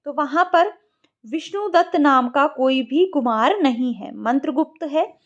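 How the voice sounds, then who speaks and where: A woman's voice: high voice, animated, unhurried, dull audio. A woman teaching Sanskrit exam questions in speech, patiently repeating words to model their pronunciation. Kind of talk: exam-prep lesson.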